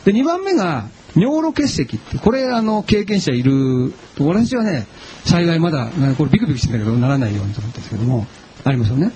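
A male pastor delivering a sermon in a conversational, storytelling way, often turning to the audience with questions. His voice sits a little high for a man and swings widely and expressively in pitch. There is a faint ambient hum behind him. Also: fast talker, poor audio. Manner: chatty and animated, asks the audience questions. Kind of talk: sermon with personal stories.

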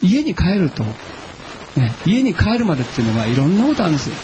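A man's voice: sits high, very animated, quick pace, noisy background. A man preaching a sermon as a pastor, telling personal stories in a chatty way and asking the audience questions.

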